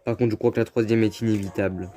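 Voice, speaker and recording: A man's voice: fairly low pitch, fairly even intonation, fast talker, dark tone. A man giving casual, slangy gameplay commentary as a let's player, often grumbling in exasperation. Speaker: video game let's player. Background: faint game music.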